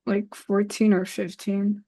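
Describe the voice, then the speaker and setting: This streamer guest is a Bay Area woman in her twenties whose first language is Cantonese, talking casually in an interview. She speaks slowly in a mid-range, flat, dark voice, hesitating often, filling gaps with "like" and letting sentences trail away.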